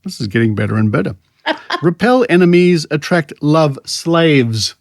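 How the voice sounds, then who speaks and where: An Australian podcast host chats about psychics and scepticism in a casual, wryly amused, conversational manner. His voice is fairly high, gravelly and sing-song, a little slow, captured with clean, dry studio sound.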